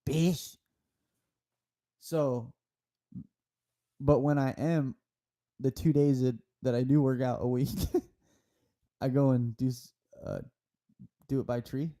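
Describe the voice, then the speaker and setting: A man's voice: medium pitch, steady tone, slow pace, pauses often, warm tone. A man co-hosting a casual podcast chat, laughing often, swearing freely and playing with words. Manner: laughs often, profane, playful wordplay. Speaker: podcast co-host.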